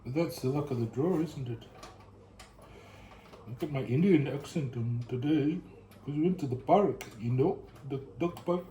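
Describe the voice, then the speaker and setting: Here a man with a dark, mid-range voice speaks at normal speed, quietly muttering and thinking aloud with evident boredom while assembling a computer for a home vlog. Echo and faint hiss come through the camera mic.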